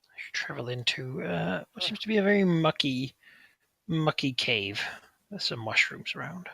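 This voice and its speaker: Bright, animated male game master. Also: fairly high pitch, normal speed, vocal fry, slightly rough, dry recording. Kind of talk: improvised tabletop game narration.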